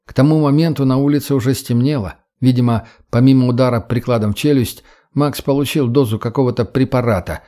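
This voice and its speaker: A male audiobook narrator telling a tense story in a steady, dramatic way. His voice is warm and mellow and sits at a middle pitch.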